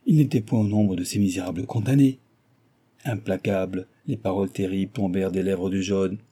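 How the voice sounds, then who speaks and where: Guy reading a novel out loud, very dark husky voice, lowish. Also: steady tone, a little fast. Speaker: audiobook narrator.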